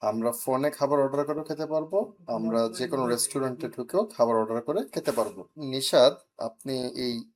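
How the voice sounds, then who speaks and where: With crowd noise in the background, a medium-pitched man teaches Korean, correcting a student's reading. He drills words slowly, syllable by syllable, and teases a bit along the way.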